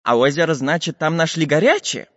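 A man doing a calm little iron tinkerer. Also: fairly high pitch, a little fast, no echo, in a large hall, lo-fi sound. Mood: plain.

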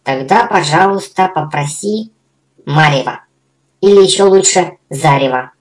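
A man voicing a small, cheeky male magical creature in a squeaky, quick, teasing voice for a storybook reading. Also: lightly acted. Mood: eager, teasing.

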